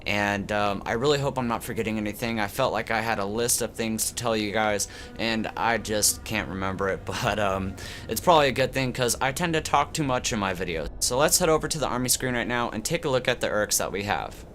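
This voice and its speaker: A man's voice: on the low side, fairly quick, a bit bright, slight background noise. A man with a stuffy, congested voice from a cold, like he is talking through a tube, rambling casually as he hosts his gaming channel. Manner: rambling, loose, with many fillers and restarts. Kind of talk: casual gameplay commentary.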